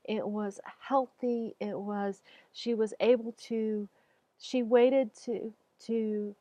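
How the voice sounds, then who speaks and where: A woman talking slowly and haltingly about the loss of her pet, teary at times. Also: on the high side, fairly even intonation, dark tone, no echo. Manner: slow, halting, searching for words. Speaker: animal communicator. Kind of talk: personal talk to camera.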